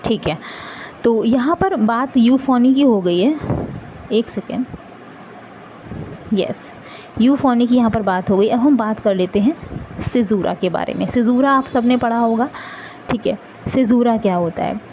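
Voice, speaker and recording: A woman teaching literary terms for exams in Hindi and Indian-accented English, speaking fast, repeating each point and checking that students follow. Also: a little high. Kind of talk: exam-prep lecture in Hinglish. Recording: tinny phone-like audio with clear background noise.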